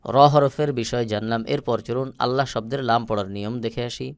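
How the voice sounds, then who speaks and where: A man with a Bangladeshi Bengali accent teaching Quran reading, spelling out letters slowly and chanting the words in long drawn-out tones. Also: medium pitch, steady tone, clean tone, no room sound. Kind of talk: slow spelled-out recitation lesson.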